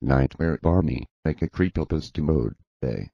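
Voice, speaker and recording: A man's voice: rumbling low, normal speed, vocal fry, dry recording, full character voice. A synthetic male text-to-speech voice playing a stubborn, sarcastic young man who mocks a cartoon dinosaur. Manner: mocking, flat and sarcastic. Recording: dull dry lo-fi audio.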